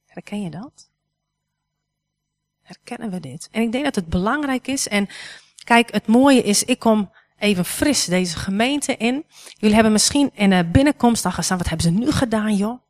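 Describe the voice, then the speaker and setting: A woman's voice: medium pitch, lively intonation, moderate pace, pauses often. Dutch-speaking woman preaching conversationally. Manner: conversational, asks the congregation questions. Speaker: guest speaker. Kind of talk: sermon. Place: church hall.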